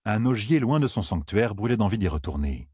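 A man narrating an audiobook in a measured, even way on a close studio mic. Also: fairly low pitch, husky, dry recording. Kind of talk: scripted narration.

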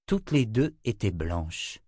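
Low-voiced man narrating an audiobook. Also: very animated, slow, a little mellow, no room sound, clean studio sound. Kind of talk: scripted narration.

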